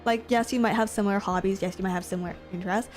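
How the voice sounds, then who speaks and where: Racing along in a steady, darkish, mid-range voice, a female VTuber and streamer chats casually to viewers during a gaming stream. She rambles and keeps repeating phrases, with soft background music behind her.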